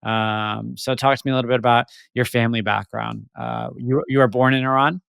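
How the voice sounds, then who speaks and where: Gravelly smooth-voiced podcast host. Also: male voice, mid-range voice, steady tone, brisk, a bit bright, no room sound. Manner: rambling, thoughtful, many fillers and restarts. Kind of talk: interview podcast.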